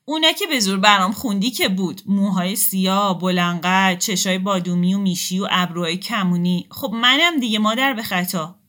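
A woman's voice: mid-range voice, few pauses, pushed and bright, voice pushed up, close to an everyday voice. A woman voicing a bold, sardonic young woman who speaks bluntly and mockingly in an audiobook story reading.

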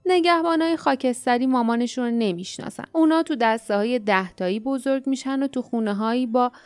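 A woman's voice: a little high, a little mellow, smooth, no room sound, faint music behind, close to an everyday voice. A woman voicing a scornful, wary teenage girl who lives wild in a forest, in a storybook reading. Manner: mocking, wary.

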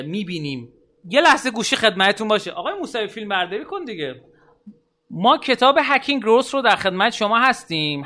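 Upbeat bright-voiced male podcast host. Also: high-pitched. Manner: upbeat, addresses listeners directly. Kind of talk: casual podcast chat.

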